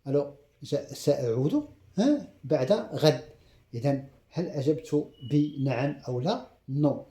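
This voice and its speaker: Moroccan-accented teacher with a very dark, roomy voice. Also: male voice, on the high side. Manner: repeats example questions slowly, checks understanding often. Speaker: French teacher. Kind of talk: classroom grammar lesson.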